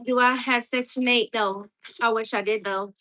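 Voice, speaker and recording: Brief: young mom livestreaming from home, high, sharp voice, profane and combative with her chat. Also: fairly even intonation, moderate pace, poor audio. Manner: profane, confrontational toward commenters; calls out to kids around the house.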